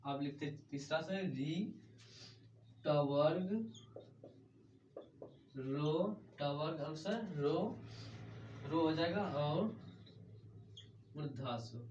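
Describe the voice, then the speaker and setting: Man, grammar teacher, question-and-answer drilling, somewhat high voice, distant muffled mic, echoey room. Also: a little mellow, a little hiss or hum. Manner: asks a question and answers it himself, addresses everyone as sir. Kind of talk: grammar lesson with call-and-response drilling.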